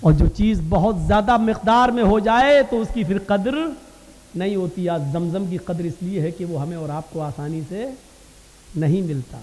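High-voiced man preaching in a reverberant hall. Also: moderate pace. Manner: impassioned, swings from loud declaiming to low hushed asides. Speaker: Islamic preacher. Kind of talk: devotional sermon. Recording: long reverb of a large hall.

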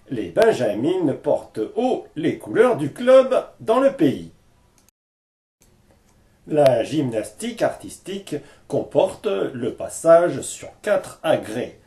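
A male reporter narrates a local sports segment in a slow, measured voice-over. His tone is mellow and dark, and his pitch rises and falls freely. The delivery sounds scripted and even. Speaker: news reporter.

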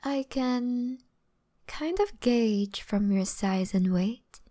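ASMR role-play: actress as seductive female vampire, gentle predator, teasing, mellow tone, unhurried delivery. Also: on the high side, animated. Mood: amused, coaxing. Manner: teasing, softly boastful, unhurried.

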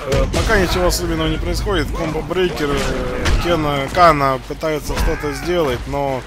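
A man's voice: on the high side, normal speed. A man giving casual, rambling live commentary on fighting-game matches, often repeating his phrases. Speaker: gameplay commentator. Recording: game music behind. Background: fighting game music.

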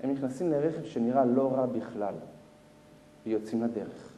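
A man who is a rabbi giving a storytelling lecture, animated and acting out the characters. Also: mid-range voice, slight background noise. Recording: long hall reverb.

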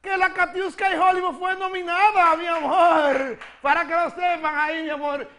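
A man's voice: very high voice, little pitch movement, fairly quick, sharp tone. A man playing a sassy Dominican gossip queen. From Dominican Republic. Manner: flamboyant, giggly, calls everyone "mi amor". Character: sassy gossiping country woman presenter. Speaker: comedy gossip presenter. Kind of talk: TV comedy sketch character.

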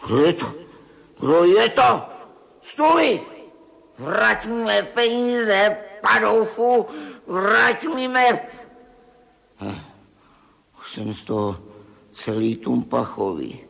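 A man's voice: high-pitched, sing-song, creaky, long pauses, fairly bright tone, exaggerated voice. An actor playing a greedy, tyrannical old miser father who rants in frantic despair. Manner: blustering, frantic when robbed. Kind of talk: radio play acting.

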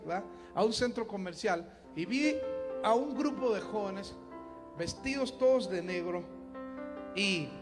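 High-voiced preacher shouting over music. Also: male voice. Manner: swings from quiet talk to shouted exhortation. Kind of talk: impassioned sermon. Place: live church gathering.

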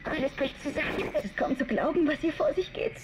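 Game casting: distraught sender of a noisy video message, high voice, slow and halting. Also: female voice, lively intonation. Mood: sorrowful, shaken. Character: distraught woman in a recorded farewell video message. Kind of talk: dramatic game voice acting.

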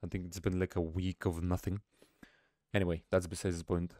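Deep-voiced young man, casual vlog. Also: level tone, fairly quick, warm tone, no room sound, studio quality. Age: young adult. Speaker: streamer and vlogger. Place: small home room, indoors. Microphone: close studio mic on a boom arm.

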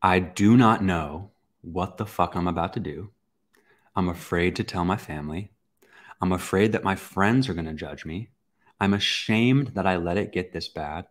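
A young man hosting a podcast, telling a personal story in a casual, animated way, with swearing and acted-out reactions. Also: sits low, moderate pace. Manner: animated, swearing, acts out his own reactions. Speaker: podcast host.

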